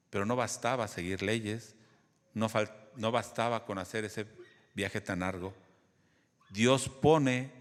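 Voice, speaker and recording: A man's voice: on the low side, fairly bright tone. Man preaching in a reverberant hall. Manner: conversational teaching, keeps asking the congregation questions. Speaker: pastor. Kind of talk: sermon.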